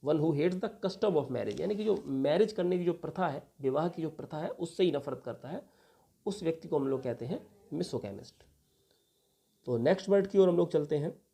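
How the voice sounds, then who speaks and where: Patient male teacher with a mellow voice. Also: a little high, lively intonation, moderate pace, gravelly, husky. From India. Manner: patient, repeats each meaning and spells words out. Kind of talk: exam vocabulary lesson.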